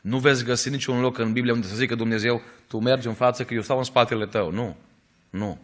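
A man's voice: mid-range voice, fairly even intonation, fairly bright tone. Earnest male preacher telling a story. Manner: earnest preaching, storytelling, rising to emphatic peaks. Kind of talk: sermon.

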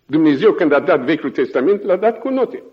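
A man preaching a sermon, telling stories in an animated way and often chuckling. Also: a little high, highs cut off.

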